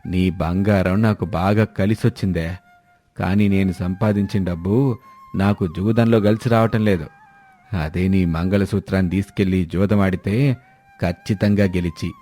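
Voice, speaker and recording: Guy doing a scheming village husband, lowish voice, smooth talker, cartoon. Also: fairly even intonation, normal speed, warm tone, faint music behind. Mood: harsh. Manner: persuasive then harsh. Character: greedy village husband turning drunk and cruel.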